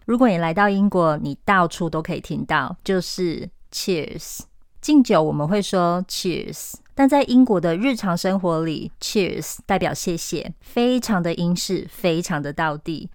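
Taiwanese woman teaching English, crisp and dry. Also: on the low side, no echo. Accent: Taiwanese Mandarin. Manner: clear, drills pronunciation with repeated examples. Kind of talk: scripted language lesson podcast.

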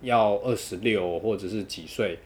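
A man telling a dating story in casual chat, quoting others with animated, laughing delivery. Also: fairly low pitch, normal speed.

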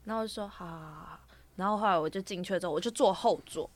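A woman's voice: medium pitch, rapid-fire, dry recording. A young woman, telling a long story on a casual podcast, rambling from clause to clause with fillers. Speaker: podcast co-host.

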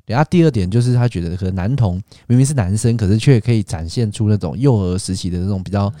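A man's voice: on the low side, fast, mellow, no room sound, studio quality. A man co-hosting a casual chat, teasing and rambling loosely. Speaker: podcast co-host.

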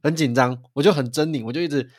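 A man, co-hosting a podcast and telling a story in an animated way, with frequent restarts. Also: on the high side, quick pace, no room sound, clean studio sound. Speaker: podcast co-host. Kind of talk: casual chat.

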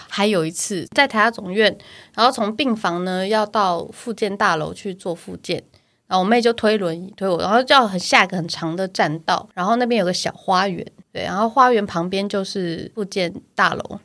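A woman hosting a casual podcast, telling stories and acting out the people in them. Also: medium pitch. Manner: animated storyteller, acts out quoted people. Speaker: podcast host.

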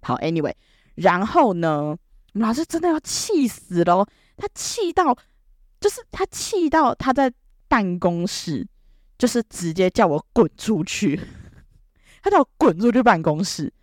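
A young woman telling a comic story about herself to camera, animated and self-mocking, full of quick restarts. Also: medium pitch, no room sound, studio quality. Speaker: vlogger.

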